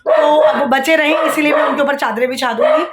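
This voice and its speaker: A woman's voice: sits high, a little fast, very noisy. A woman in her thirties chatting casually at home in a daily vlog, mixing English words into her talk as she cooks and works. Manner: raises her voice over a barking dog. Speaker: vlogger. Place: home kitchen and rooms. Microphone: phone held while she works.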